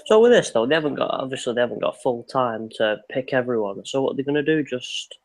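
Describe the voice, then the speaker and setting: A man's voice: mid-range voice, expressive, fast talker. A man co-hosting a live reaction stream, chatting casually in an easygoing, rambling way. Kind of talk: casual chat.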